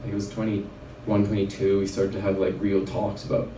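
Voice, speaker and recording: With a fairly low, warm voice and a completely flat delivery, a man speaks at a moderate pace over slight background noise. This chiropractor from Red Deer, Alberta, Canada shares a personal story at a wellness event, rambling casually with lots of fillers. A distant mic in the event venue makes the sound roomy.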